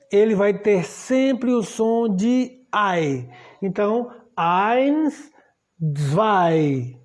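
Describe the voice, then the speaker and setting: A woman's voice: mid-range voice, a little mellow. A woman with a Brazilian Portuguese accent teaches a language lesson patiently, spelling out letters and checking that students follow. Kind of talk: explaining a language lesson at a board.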